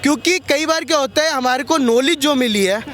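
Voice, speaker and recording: A man's voice: very high voice, brisk, a bit bright. A man from the public in a heated political argument, speaking assertively and emphatically and repeating his points. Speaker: member of the public in a street debate.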